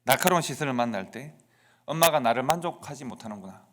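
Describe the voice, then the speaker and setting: A middle-aged pastor preaches a Sunday sermon in a Korean accent, telling a story in an earnest and emphatic way. His voice sits at an ordinary pitch for a man. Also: animated, fast talker, a bit bright.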